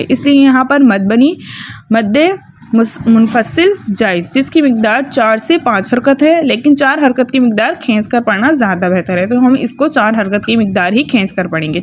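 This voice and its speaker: A woman's voice: on the high side, a little hiss or hum. A woman teaching Quran recitation rules step by step, often checking in with her listeners. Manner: explains rules step by step, often asks "ठीक है?". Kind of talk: tajweed lesson with recited examples.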